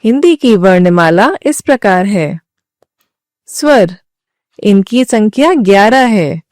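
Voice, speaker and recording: A woman slowly reading a grammar textbook aloud as a lesson, saying the letters one at a time with long pauses. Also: medium pitch, lively intonation, a little mellow, no room sound, studio quality.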